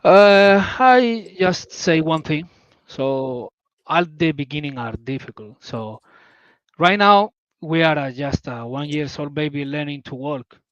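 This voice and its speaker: A man from southern Spain, speaking Spanish natively and with a Spanish accent, chats casually as a community call guest, keenly searching for English words. His slightly high, a bit bright voice has lively intonation and a slow pace, in a dry recording with dull audio.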